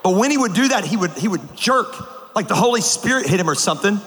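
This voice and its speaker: In a large auditorium before a live audience, a high-pitched male preacher gives a comedic sermon, telling stories with animated energy at a fairly quick pace and bursting into sudden shouts. His voice rings with a long hall echo above a faint hum of ambience.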